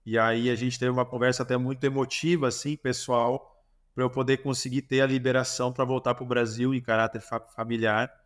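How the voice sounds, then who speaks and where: A man's voice: medium pitch, level tone, brisk. A Brazilian man, a former goalkeeper, telling anecdotes in a casual interview, with many restarts and self-corrections.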